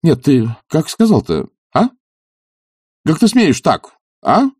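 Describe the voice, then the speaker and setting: A man voicing a drowsy, irritable young gentleman who grumbles sleepily and flares into indignant shouts, in an audiobook. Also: a little high, big pitch swings, moderate pace, breathy edge, dry recording, studio quality, pitched above the performer's own voice, exaggerated voice.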